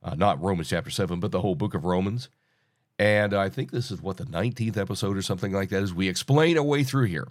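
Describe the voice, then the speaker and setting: A man in his sixties hosting an informal Bible teaching podcast, talking in a halting, rambling way, sounding hollow as if through a tunnel. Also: low voice, no echo, clean studio sound. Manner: halting, rambling, self-interrupting. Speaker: podcast host.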